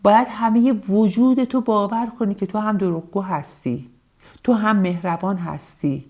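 A woman calmly reading a self-help passage aloud and then explaining it to her listeners, repeating phrases for emphasis. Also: medium pitch. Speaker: speaker addressing listeners.

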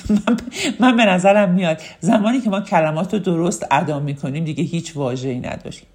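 A woman's voice: on the low side, darkish tone. A woman teaching an online lesson on public speaking in a friendly, chatty way, with fillers and frequent laughs. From Ramsar, Iran.

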